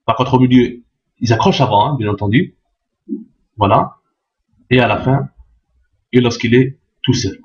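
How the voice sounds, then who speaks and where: A man's voice: mid-range voice, moderate pace, long pauses. Patient man teaching a lesson, lo-fi sound. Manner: patient, repeats each point, checks with "d'accord?". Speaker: Arabic teacher. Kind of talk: step-by-step language lesson. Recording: dull lo-fi sound.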